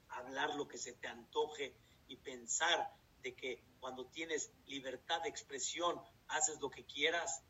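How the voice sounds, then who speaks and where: A man with a Mexican accent, a rabbi giving a sermon in a lively storytelling way with jokes. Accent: Mexican Spanish. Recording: distant dull recording with rumble.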